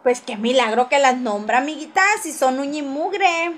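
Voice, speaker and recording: A woman chats through a gossip livestream in a high voice. She reads viewers' comments aloud and answers them with teasing, laughing asides. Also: animated, moderate pace.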